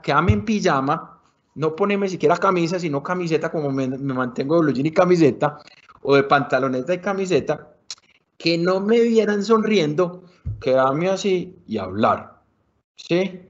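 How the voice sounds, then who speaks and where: A man with a Colombian accent giving a lively online sales workshop, shifting his volume and speed for emphasis and calling his audience muchachos. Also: on the high side. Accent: Colombian Spanish. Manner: animated, varies loudness and speed for emphasis; colloquial, addresses audience as muchachos. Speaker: sales trainer. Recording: somewhat dull lo-fi video call audio.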